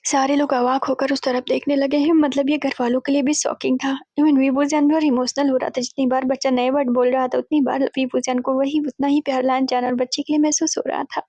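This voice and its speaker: A woman's voice: sits high, little pitch movement, a little fast, few pauses, mellow, no room sound. A woman casually retelling a fanfiction story, chatty and mixing in English words as she voices the characters' lines. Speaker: fanfiction narrator.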